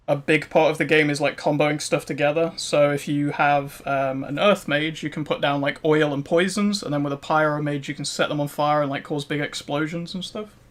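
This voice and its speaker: A man streaming a game, chatting casually and answering viewers with lots of "um" and "like.". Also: a little high. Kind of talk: casual gameplay commentary.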